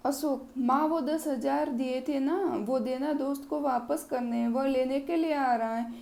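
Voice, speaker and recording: A woman's voice: sits high, fairly even intonation, measured pace, gravelly, darkish tone. A woman voicing a young man, an anxious son of the house. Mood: worried.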